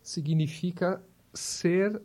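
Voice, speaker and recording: Speaking very slowly in a high voice with a dark tone, a Porto Alegre man in his fifties from southern Brazil recounts his work as a volunteer hospital clown during an interview. His manner is reflective and story-driven, with repeated restarts.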